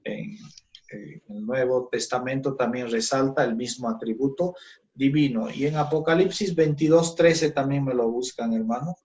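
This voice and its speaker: A man's voice: medium pitch, darkish tone. A man teaching a Bible class on Christology, who keeps checking in with his students by asking "¿ya?" and "¿no?". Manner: slow, checks in with "¿ya?" and "¿no?".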